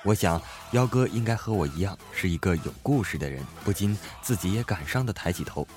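A man telling comic stories in a lively way, voicing the people in them. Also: low-pitched, fairly quick. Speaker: joke narrator. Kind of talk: comic storytelling of jokes. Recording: faint music behind the voice.

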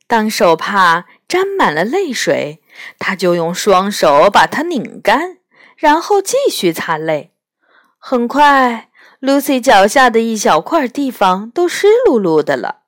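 A woman reading a children's storybook aloud slowly, expressively and gently. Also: mid-range voice, very animated, no echo, studio quality.

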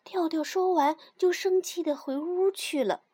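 A woman narrating a children's story in an expressive, animated reading style. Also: very high voice, a little slow.

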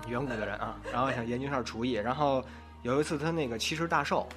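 Man telling stories haltingly over music. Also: medium pitch. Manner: halting, repetitive phrasing. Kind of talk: casual storytelling on a panel. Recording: music playing behind the voice.

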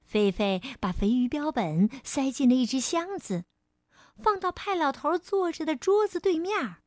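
A woman storyteller reading a children's storybook aloud in a gentle, expressive way. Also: sits high, moderate pace, dry recording, clean studio sound. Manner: gentle, expressive, lingering on phrases.

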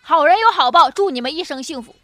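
High, animated Northeastern Chinese woman comedian. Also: fast talker. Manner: chatty, folksy, often chuckling. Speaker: comedy talk show host. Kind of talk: comic monologue with jokes and anecdotes. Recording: music behind the voice. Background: music.

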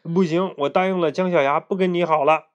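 A man voicing a greedy but honest young schoolboy in a read-aloud children's story, in a bright, childish storybook voice. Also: on the high side, fairly even intonation, a little fast, dull audio, pitched above the performer's own voice, natural voice. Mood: stubborn.

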